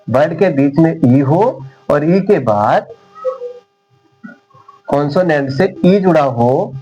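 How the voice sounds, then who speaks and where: A man teaching an English lesson in Hindi, slowly repeating each rule and spelling words letter by letter. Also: fairly high pitch, mellow, highs cut off. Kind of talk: slow spoken Hindi lesson.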